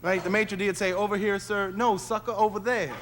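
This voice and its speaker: A man doing a fast, punchy stand-up comedy set on stage, slipping into funny character voices. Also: sits high, steady tone. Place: comedy stage before a live audience. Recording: 1970s TV broadcast with loud crowd noise.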